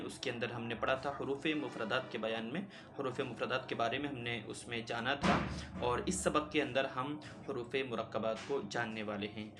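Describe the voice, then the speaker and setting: A male teacher explaining a beginner Quran reading lesson step by step, patiently repeating key points and answering his own questions. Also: medium pitch.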